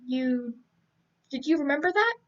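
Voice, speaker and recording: A woman reading the lines of a cold, sharp-tongued teenage boy from a novel, in a curt, insulting manner. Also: high-pitched, measured pace, recorded from a distance, muffled recording. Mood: cold, scornful. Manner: curt, insulting, flat delivery.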